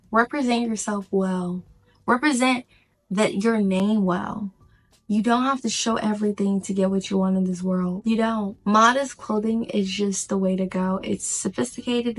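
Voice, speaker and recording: A woman vlogger gives casual lifestyle advice in a mid-pitched voice. She is emphatic and repeats her key phrases. She slows down to hammer a point home.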